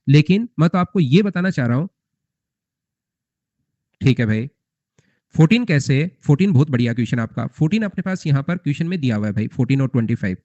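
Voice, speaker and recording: A man's voice: medium pitch, lively intonation, fast talker, mellow, no echo. A young man teaching a math class live, repeating points and quizzing his students with rhetorical questions. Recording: muffled lo-fi recording.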